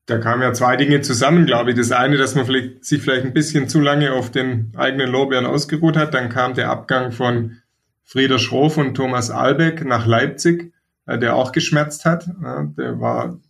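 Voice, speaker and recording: A man discussing football club youth policy in a measured, reflective way, pausing often to find his words. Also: mid-range voice, vocal fry, a bit bright. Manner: measured, reflective, frequent hesitations. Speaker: podcast co-host, football pundit. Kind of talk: casual discussion.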